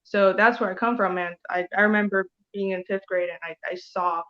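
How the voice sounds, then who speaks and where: A woman's voice: medium pitch, steady tone, brisk, a bit bright, highs cut off. A woman in her thirties from Taiwan, a comic artist guest, chatting casually and rambling with lots of "like" and "you know". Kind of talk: casual interview chat.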